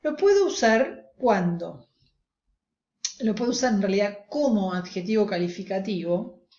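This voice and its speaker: A woman's voice: mid-range voice, animated, a little slow, a little mellow. Woman teacher explaining grammar, roomy sound. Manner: explanatory, often checks in with the class. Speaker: language teacher. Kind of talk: recorded lecture. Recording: roomy, dull lo-fi recording.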